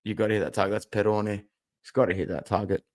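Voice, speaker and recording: A young man hosting a casual football fan stream, chatting and reacting aloud to match highlights, with loud outbursts and low muttered asides. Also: flat delivery, fast talker. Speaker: football fan channel host. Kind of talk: casual live-stream commentary.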